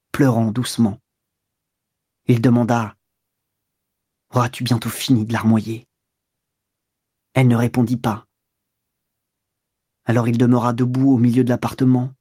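Husky male audiobook narrator, dry sound. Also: medium pitch, darkish tone, no room sound. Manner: measured, dramatic narration. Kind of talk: audiobook reading of a classic novel.

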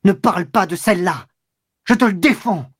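A selfish, cold man who speaks in clipped, dismissive lines, his voice slightly husky, as the reader plays him. It is read close to the mic in a dry, dead space. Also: medium pitch, steady tone, normal speed, a little mellow, dry recording, natural voice. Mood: menacing. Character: cold, self-serving man, curt and dismissive. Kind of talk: audiobook reading.

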